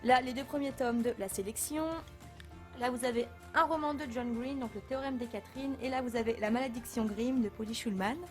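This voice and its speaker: Chatty young woman with a fairly high voice. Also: fairly even intonation, fairly quick, faint music behind. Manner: chatty, with hesitant fillers and self-corrections. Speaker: book vlogger. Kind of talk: casual bookshelf tour vlog.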